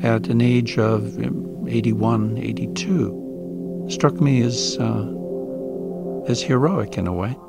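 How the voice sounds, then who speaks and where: A man in an interview, talking in a measured and reflective way about his research. Music plays clearly underneath his voice. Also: mid-range voice. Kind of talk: recorded interview narration.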